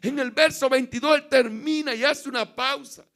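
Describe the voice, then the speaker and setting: A Dominican pastor preaches in a church with a strikingly high voice for a man. He swings between loud declarations and hushed passages, and keeps urging the congregation to repeat his words. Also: normal speed. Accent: Dominican Spanish. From Dominican Republic. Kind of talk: sermon. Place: church sanctuary.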